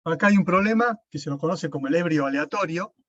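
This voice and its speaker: A man's voice: a little high, fast, no echo. A man, lecturing an online class, explaining step by step and often checking with "¿sí?". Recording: dull, dry lo-fi sound.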